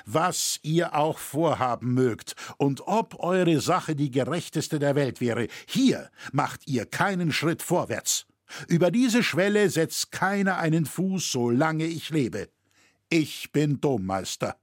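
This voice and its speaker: A man voicing a proud, steadfast medieval master builder who speaks in firm, measured declamation. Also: fairly high pitch, big pitch swings, no echo, studio quality, full character voice. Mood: defiant.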